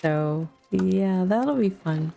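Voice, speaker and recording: Faint music plays behind a middle-aged woman who streams herself gaming and talks casually, musing aloud and rambling somewhat. Her fairly low voice is creaky and mellow, expressive but very slow.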